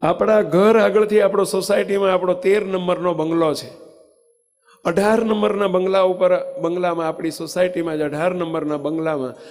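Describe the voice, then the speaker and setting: A man's voice: high voice, normal speed. A man telling a story in a sermon, acting out the voices of the people in it. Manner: animated storyteller, acting out quoted dialogue. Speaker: swami preacher. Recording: reverberant hall with faint music.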